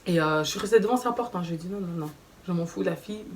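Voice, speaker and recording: A woman's voice: fairly low pitch, fast talker. Slangy young woman telling a storytime vlog. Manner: animated, slangy, acts out quoted dialogue. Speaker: vlogger. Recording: slightly distant mic with faint background noise.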